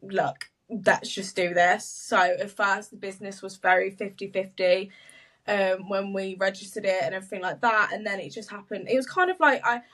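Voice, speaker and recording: A woman's voice: mid-range voice, a little fast. Chatty young British woman, distant mic. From United Kingdom. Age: young adult. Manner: chatty, animated, laughs often, many fillers. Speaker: guest, social media marketer. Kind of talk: casual podcast chat.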